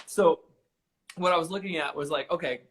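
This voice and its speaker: A man's voice: a little high, moderate pace, a bit bright, a little hiss or hum. A man hosting a casual live video chat, earnest and enthusiastic as he shares a story. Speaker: host.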